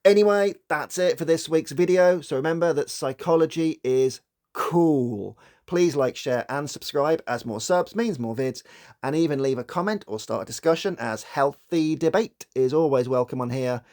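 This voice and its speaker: A man hosting a psychology channel, giving scripted video-essay narration in a measured, explanatory way. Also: fairly high pitch, a little mellow.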